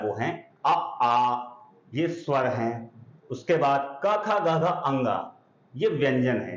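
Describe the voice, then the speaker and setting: A man teaching an exam-prep grammar lesson, patiently spelling out sounds and often asking if it is clear. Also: mid-range voice. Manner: explains patiently, drawing out sounds and checking understanding. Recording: echoey room, dull lo-fi sound.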